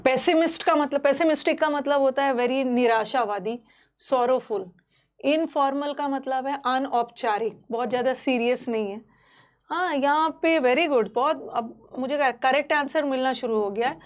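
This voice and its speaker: High-voiced woman teaching an online class. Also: moderate pace. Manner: explains terms by mixing Hindi and English, checks in often. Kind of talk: online exam-prep class.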